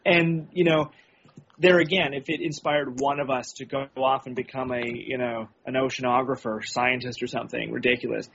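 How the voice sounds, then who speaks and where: A man's voice: mid-range voice, fairly even intonation, moderate pace, creaky, a bit bright, slight background noise. A man musing thoughtfully and hedging his points in a casual group chat. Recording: dull lo-fi recording.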